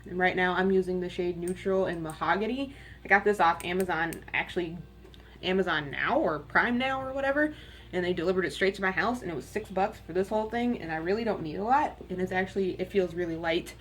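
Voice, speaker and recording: A young woman with a raspy voice, chatting candidly and rambling a little as she does her makeup in a get-ready-with-me video at home. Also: fairly low pitch, fairly quick, a bit bright. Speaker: beauty vlogger.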